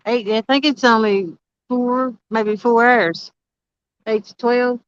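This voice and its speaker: A woman's voice: on the high side, fairly even intonation, slow pace, a little hiss or hum. A woman chatting casually, who has trouble with her R's and says them like W's. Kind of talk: casual chat on a fishing livestream. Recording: dull lo-fi audio.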